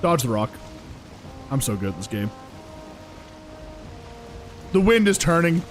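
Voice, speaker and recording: A young man live-streaming a video game, chatting casually with his viewers in an animated, exasperated ramble full of fillers. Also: mid-range voice, unhurried, over music, low-quality recording. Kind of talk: casual live-stream chat while playing.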